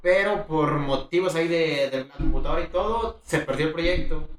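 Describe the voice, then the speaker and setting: A young man, chatting casually as a podcast guest, relaxed and rambling with many restarts. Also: a little high, normal speed, recorded from a distance. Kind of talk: casual chat. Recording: echoey room, voice from off mic.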